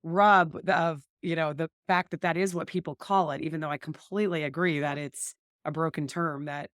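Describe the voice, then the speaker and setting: A woman's voice: low voice, steady tone, brisk, fairly bright tone, dry recording, clean studio sound. Earnest woman hosting a law podcast. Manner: earnest, thinks aloud with many 'like' and 'right'. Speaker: family law podcast host and attorney. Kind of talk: casual conversation.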